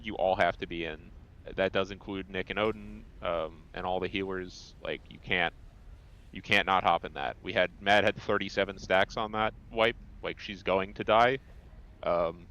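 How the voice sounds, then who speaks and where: A man with a New Jersey accent leading a raid, calmly explaining strategy over voice chat. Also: low voice. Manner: calm, instructive, many fillers. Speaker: raid leader. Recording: dull lo-fi voice chat.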